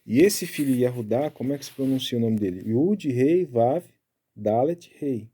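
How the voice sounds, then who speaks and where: A man giving a casual Bible study, explaining step by step and tagging his sentences with quick checks to the listener. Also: medium pitch, warm tone, slightly rough. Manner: chatty, keeps tagging lines with "né?"; explaining Hebrew letters and pronunciation step by step.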